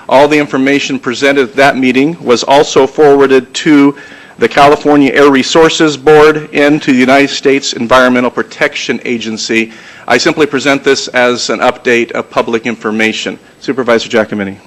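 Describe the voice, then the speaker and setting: A man's voice: mid-range voice, fairly bright tone, low-quality recording. Man chairing a public hearing. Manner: formal, halting with uh fillers when reading. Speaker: board chairman. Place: crowded public meeting room.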